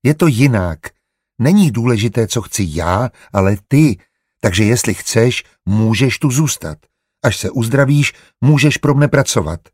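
A man voicing a self-assured young doctor in an audiobook, speaking patiently with a husky voice. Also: medium pitch, expressive, darkish tone, no room sound, studio quality.

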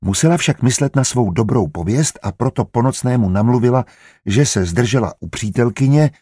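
A man narrating an audiobook in steady, even storytelling. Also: medium pitch, husky, no echo, clean studio sound. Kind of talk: scripted narration.

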